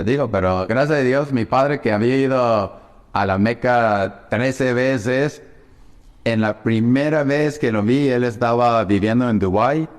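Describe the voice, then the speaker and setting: Earnest low-voiced man in a reverberant room. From United States. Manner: earnest, emotional storytelling. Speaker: pastor. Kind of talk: personal testimony in a conversation.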